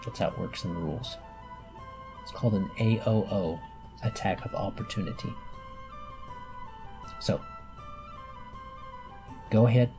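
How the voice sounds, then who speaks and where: A man's voice: fairly low pitch, unhurried, long pauses, music in the background. A man in his thirties narrating a tabletop game for a child as game master, patiently explaining the rules with plenty of fillers.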